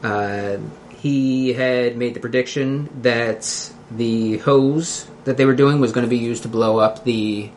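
A man's voice: medium pitch, fairly even intonation, slow, few pauses, a little mellow. Philadelphia-accented man hosting, noisy room. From Philadelphia area, United States. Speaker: podcast host. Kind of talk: casual podcast hosting.

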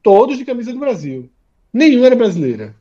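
A man's voice: very high voice, sing-song, fast, dull audio, a crowd in the background. A Brazilian man in a casual football chat, joking and swearing casually. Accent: Brazilian Portuguese.

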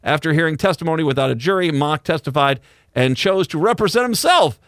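A man hosting a radio talk show, speaking in an animated, conversational and emphatic way. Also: a little high, fairly quick, no room sound, clean studio sound. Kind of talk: live radio talk and news commentary.

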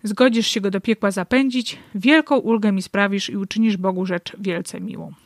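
A woman's voice: mid-range voice, moderate pace, no echo, clean studio sound, close to an everyday voice. A woman voicing a lustful male monk who speaks in a pious, archaic storybook tone. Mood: solemn. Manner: read aloud in an archaic storybook tone.

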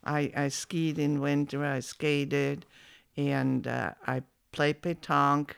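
A woman in her seventies reminiscing in an oral history interview, halting with many restarts. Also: sits low, flat delivery, gravelly, clean tone, dry recording. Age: 70s.

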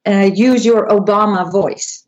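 A woman who is a voice and persuasion coach, explaining to an interviewer, with frequent restarts and high and low demonstrations. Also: unhurried, darkish tone, lo-fi sound, slight background noise. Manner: demonstrates pitch shifts, squeaky high then low voice. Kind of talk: interview conversation.

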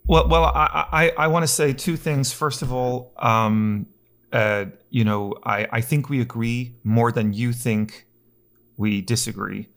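A man's voice: mid-range voice, unhurried, a bit bright. A man hosting a podcast conversation, friendly, with stammering starts to his sentences. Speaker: host.

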